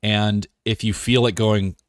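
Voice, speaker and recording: A man's voice: on the low side, little pitch movement, measured pace, no room sound, studio quality. A man streaming a game live, talking casually with a joking, self-assured, rambling manner.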